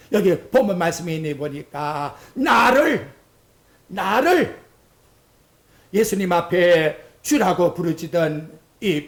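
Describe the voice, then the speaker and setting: Animated pastor in an echoey church. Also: medium pitch. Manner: fervent preaching, acts out prayers and quotes. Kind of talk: sermon. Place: church sanctuary.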